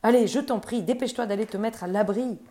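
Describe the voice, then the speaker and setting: A woman's voice: mid-range voice, normal speed, darkish tone, natural voice. A woman voicing a kind male god who has taken the form of a great eagle, pleading and tender in a storybook reading.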